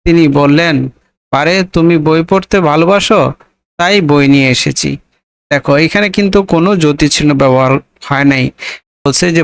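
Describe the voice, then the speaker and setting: A man's voice: on the high side, vocal fry, fairly bright tone, smooth. A man tutoring young students, reading a textbook passage aloud and then patiently asking and answering its questions. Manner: slow, explanatory, repeats questions then answers them. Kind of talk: reading and explaining a textbook lesson.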